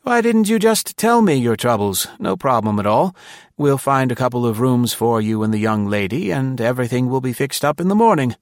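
A man reading a story aloud and voicing a courteous, obliging older ambassador with a smooth manner. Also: mid-range voice, animated, moderate pace, no room sound, clean studio sound, voice pushed up, natural voice. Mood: genial. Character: genial older male ambassador, polished and obliging.

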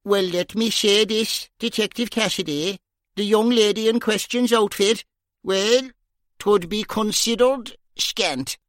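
A male narrator voicing a wordy, pompous male detective with a Kerry accent and slow, formal phrasing. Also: high voice, a bit bright, no room sound, clean studio sound, pitched above the performer's own voice. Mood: droll.

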